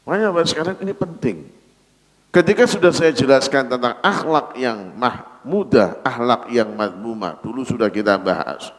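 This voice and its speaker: A man's voice: medium pitch, animated, normal speed. A male preacher giving a mosque sermon, asking the congregation rhetorical questions. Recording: echoey hall.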